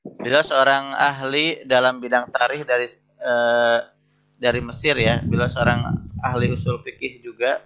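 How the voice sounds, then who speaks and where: A male lecturer runs an interactive class, reading Arabic phrases slowly and explaining each one. His voice is bright with a gravelly edge. The audio is dull and lo-fi, as from an online class. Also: mid-range voice, level tone. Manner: reads Arabic phrases slowly, then explains each one, keeps asking "betul tidak?". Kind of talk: interactive lesson.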